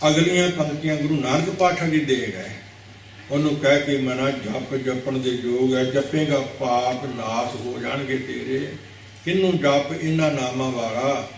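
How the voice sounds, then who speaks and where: A Sikh preacher giving a religious discourse, teaching didactically, repeating words to correct pronunciation and asking rhetorical questions. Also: male voice, medium pitch, a little slow, slight background noise. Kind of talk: religious discourse explaining scripture. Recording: very echoey hall, mic at a distance.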